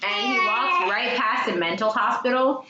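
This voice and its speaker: A woman's voice: a little high, normal speed, sharp tone. A woman co-hosting a podcast, telling spooky jokes in a casual way, laughing often and swearing freely. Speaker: podcast co-host. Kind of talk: casual storytelling chat. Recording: roomy, dull lo-fi sound with clear room noise.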